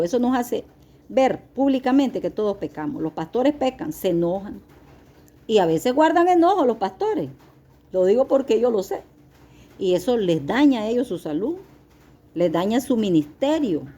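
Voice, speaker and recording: A woman's voice: a little high, warm tone. A middle-aged woman giving an earnest, confessional sermon-style testimony as a lay preacher, speaking to her listeners as beloved.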